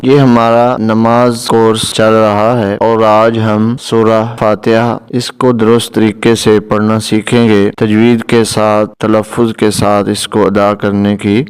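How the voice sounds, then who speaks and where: A man teaching recitation step by step, spelling out letters and vowel marks and then chanting each word slowly, with a Pakistani Urdu accent. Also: fairly low pitch, level tone, smooth. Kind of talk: slow, step-by-step recitation lesson.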